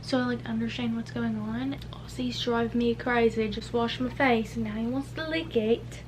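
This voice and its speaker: A woman's voice: on the high side, fairly even intonation, normal speed. A woman chatting casually about the book she's reading into her camera mic at home, full of fillers and sometimes dropping to a whisper. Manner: chatty, lots of fillers, drops to a whisper at times. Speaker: book vlogger. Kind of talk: casual reading-vlog chat. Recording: noisy home recording with hum.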